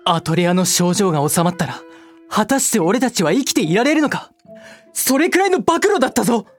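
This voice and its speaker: A mid-pitched, animated young man leading a party as acted in a fantasy drama. He is blunt and commanding yet exasperated and flustered, with music beneath. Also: brisk. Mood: grave. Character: sensible, exasperated male party leader, young mage. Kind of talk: fantasy audio drama acting. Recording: music under the voice.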